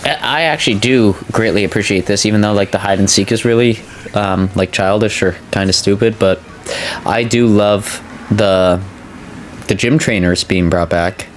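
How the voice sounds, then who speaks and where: With a mouth still sore from a wisdom tooth extraction, a man speaks a bit carefully while giving relaxed commentary on a video game as a let's player. His voice is on the low side at a moderate pace, recorded indoors as a voice-over.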